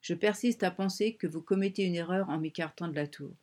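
A woman's voice: on the low side, a little fast, a little mellow, close to an everyday voice. A woman reading an audiobook voices a young Englishwoman, a castaway and former trapeze artist, earnest and insistent. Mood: hesitant. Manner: earnest and insistent, faltering when unsure.

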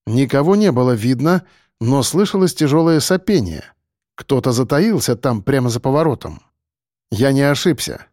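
A man reading first-person scripted narration for an audiobook in an expressive, dramatic way, close to a studio mic. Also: mid-range voice, moderate pace, dry recording.

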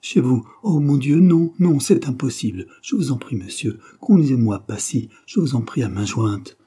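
A man's voice: medium pitch, animated, moderate pace, mellow, breathy edge, voice pushed up. A man voicing a frightened young woman caught in a storm, pleading and breathless, in a classic French audiobook.

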